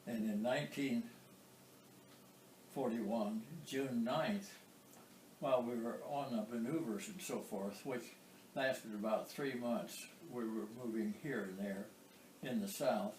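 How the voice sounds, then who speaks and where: Slow, halting elderly American veteran remembering. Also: male voice, mid-range voice, darkish tone. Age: 90s. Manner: old veteran remembering, halting with pauses and throat clearing. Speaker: war veteran being interviewed. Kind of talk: oral history interview, recounting memories. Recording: roomy, distant microphone, some background noise.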